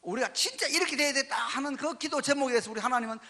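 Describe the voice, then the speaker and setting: A man interpreting a sermon into Korean in a church, speaking with lively emphasis and leading the congregation in reading. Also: extremely high pitch, very fast. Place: church sanctuary.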